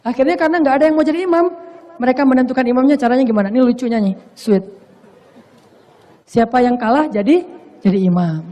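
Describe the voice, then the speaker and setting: A man's voice: very high voice, fast, pauses often, mellow. A man giving a casual, humorous sermon in a playful, slangy way. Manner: playful, slangy, acts out quoted voices. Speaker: preacher.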